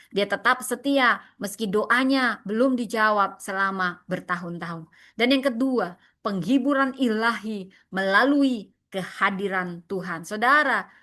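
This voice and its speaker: Bright-voiced woman pastor preaching with fervor. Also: medium pitch. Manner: animated, emphatic preaching that acts out quoted voices; addresses the congregation often as "saudara". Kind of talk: sermon.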